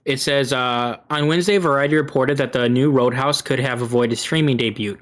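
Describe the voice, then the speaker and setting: A man's voice: mid-range voice, brisk. A man co-hosting a casual movie discussion, hedging and weighing both sides as he talks. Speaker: podcast co-host reviewing movies.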